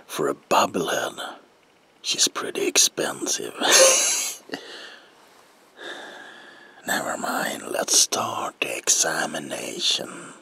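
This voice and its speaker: Gravelly, very deep Joker villain. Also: male voice, sing-song, sharp tone, in a whisper, exaggerated voice. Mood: sly, amused. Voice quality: gravelly, breathy. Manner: theatrical, drawn-out phrasing with manic cackles. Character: gleefully menacing cackling clown supervillain playing mad doctor. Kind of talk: ASMR roleplay.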